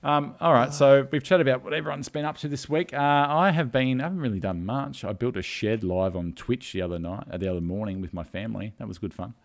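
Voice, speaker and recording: A man's voice: mid-range voice, quick pace, hardly any pauses. A man telling a story in a casual video chat, emotional and rambling, tearing up. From Australia. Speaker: co-host.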